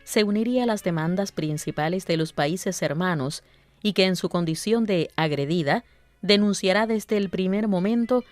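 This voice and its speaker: Low-voiced female Cuban radio announcer. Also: normal speed, a little mellow, faint music behind. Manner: clear, formal delivery. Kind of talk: scripted radio narration.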